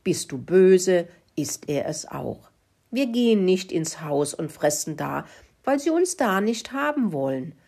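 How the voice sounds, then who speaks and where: A woman's voice: fairly low pitch, big pitch swings, a little slow, vocal fry, darkish tone, husky, exaggerated voice. A woman voicing a bossy little female mouse who lectures in a storybook reading. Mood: lecturing. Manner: lecturing, explaining.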